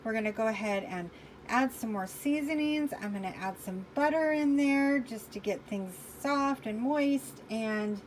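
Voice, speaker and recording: A woman's voice: on the high side, a little slow, slight background noise, rough recording. A woman chatting to her viewers while cooking in her home kitchen, narrating each step and apologizing for slips. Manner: chatty, self-correcting, talks to viewers while working. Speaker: cooking vlogger. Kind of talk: casual cook-along chat. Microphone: camera on counter, speaker off to the side.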